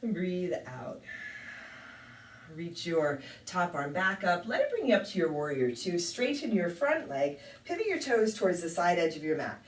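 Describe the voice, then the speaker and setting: A woman teaching a yoga class, calmly calling out poses and breaths with a touch of self-deprecating humor. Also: fairly low pitch, normal speed, a little hiss or hum. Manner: calm cueing with light self-deprecating humor. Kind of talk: guided yoga class instruction. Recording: echoey room, mic at a distance.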